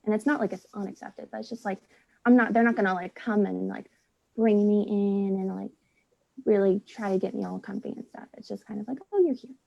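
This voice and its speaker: Talking a little fast in a creaky, dark, medium-pitched voice with a steady tone, this young American woman chats casually as a guest. She's full of "like" and acts out quotes as she goes, though the recording sounds muffled.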